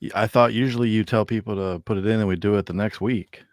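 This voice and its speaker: A man's voice: fairly low pitch, steady tone, fast talker, no echo, studio quality. A man co-hosting a livestream, chatting in casual banter. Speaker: livestream co-host.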